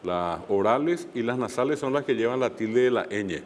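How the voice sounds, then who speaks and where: A man's voice: mid-range voice, expressive, moderate pace, in a large hall, a little hiss or hum. A man teaching a language class online, explaining step by step with frequent fillers and repeated examples.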